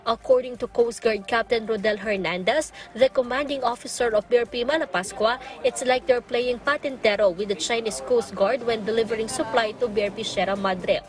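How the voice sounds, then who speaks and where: A woman's voice: a little high, brisk, few pauses. A woman reporter with a Filipino accent reading scripted news narration.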